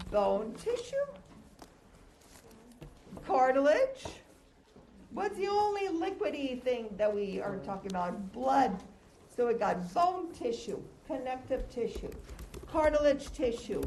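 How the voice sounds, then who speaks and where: A woman's voice: fairly high pitch, darkish tone. A woman giving a conversational classroom lecture through a face mask, slightly muffled, putting questions to her listeners and answering them. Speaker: lecturer teaching anatomy and histology. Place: lecture room, recorded as audio. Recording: roomy, echoing lecture room with background noise.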